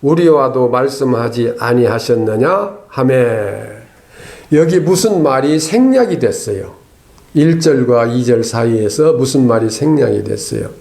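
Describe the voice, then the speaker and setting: A man's voice: medium pitch, lively intonation, unhurried, gravelly, mellow, echoey room. A man preaching a sermon as pastor, talking conversationally and tossing rhetorical questions and a questioning "eh?" at the congregation. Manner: tags lines with a questioning "eh?".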